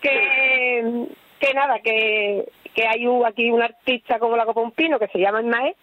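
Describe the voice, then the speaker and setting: A woman's voice: a little high, steady tone, normal speed, dry recording. A woman on a live radio phone call, talking to her sister in an earthy, slangy, affectionate way. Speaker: radio show guest calling her sister. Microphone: telephone. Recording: tinny dry phone line.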